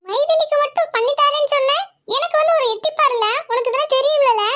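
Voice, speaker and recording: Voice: very high-pitched, quick pace, fairly bright tone. A jealous grumbling cartoon schoolboy.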